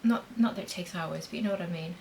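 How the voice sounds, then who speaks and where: A woman's voice: on the low side, quick pace, creaky, darkish tone, a little hiss or hum, poor audio. Chatty woman doing a makeup demo. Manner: chatty, thinking aloud while applying makeup. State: talking with a mint in her mouth. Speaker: beauty vlogger. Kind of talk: makeup demonstration vlog.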